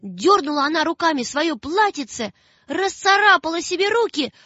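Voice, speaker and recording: A woman narrating a children's story in a dramatic, expressive reading style. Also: very high-pitched, moderate pace, no echo. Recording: dull lo-fi sound with faint music.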